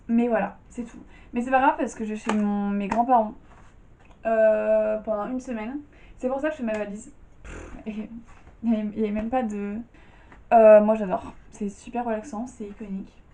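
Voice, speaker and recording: A woman's voice: medium pitch, steady tone, normal speed, pauses often, warm tone. A young woman vlogging casually from her bedroom, tired and just out of bed, chatty and full of slang and fillers. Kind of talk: casual chat.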